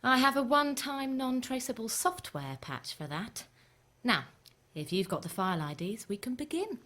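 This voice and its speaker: A woman playing a brisk, bossy conspirator in an audio drama, curt and commanding with a husky voice. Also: on the high side, big pitch swings, a bit bright. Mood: brisk, secretive. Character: brisk, bossy female conspirator tampering with archives.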